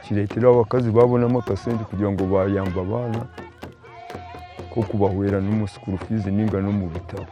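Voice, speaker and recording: A man, a community member explaining things in a measured way in a documentary interview. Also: lowish voice, steady tone, lo-fi sound, faint music behind.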